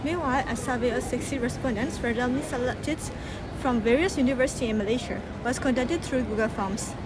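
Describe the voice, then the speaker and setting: A young woman student who narrates a research video and asks interview questions in a clear, formal delivery. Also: on the high side, brisk, noisy background. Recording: loud background music.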